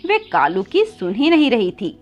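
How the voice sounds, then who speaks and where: A woman narrating a children's cartoon story in an expressive, scripted way. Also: a little high, a little slow, highs cut off.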